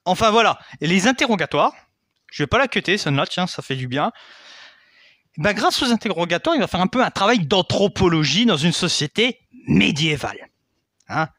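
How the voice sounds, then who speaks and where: Young male history host, high animated voice, conversational lesson delivery, dry close sound. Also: moderate pace, dry recording. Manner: chatty, frequent "hein" and asides. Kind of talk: casual educational explainer.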